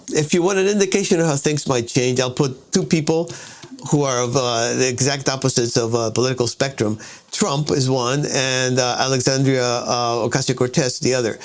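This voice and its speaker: A man's voice: mid-range voice, normal speed. A man being interviewed as a guest author, explaining his ideas at length and often repeating himself and checking in with "all right?". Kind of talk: conversational interview answers.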